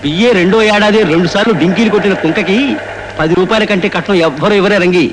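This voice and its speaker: An actor playing a cantankerous older father who scolds in rapid bursts of mock-grand insults, in a film comedy. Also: high voice, noisy background, close to an everyday voice. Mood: scolding. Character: cantankerous old father, spouting invented insults.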